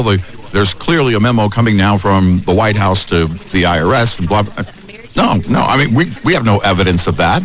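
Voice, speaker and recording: An American man co-hosting a conversational political talk radio show, speaking emphatically with halting restarts and repeated short phrases. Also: medium pitch, fairly bright tone. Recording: dull, band-limited radio sound.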